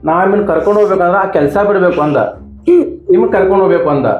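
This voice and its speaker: A man plays a remorseful husband in a village comedy skit, speaking with a North Karnataka accent. He pleads and placates in a quick, fairly high voice. The room is echoey, and music plays clearly behind him. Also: lo-fi sound, lightly acted. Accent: North Karnataka Kannada. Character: remorseful husband begging his wife to stay.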